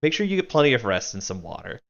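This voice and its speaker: A woman's voice: very deep voice, expressive, moderate pace, a bit bright, highs cut off, heavily acted. A woman voicing Rena, a nervous, overworked young woman who leads a city, fussing and apologetic.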